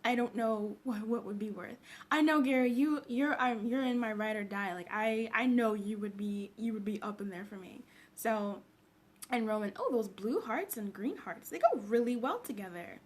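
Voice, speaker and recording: A Zambian woman who has just woken up hosts a livestream, chatting casually with viewers, greeting them by name and laughing often. Her voice sits on the high side and moves at a moderate pace.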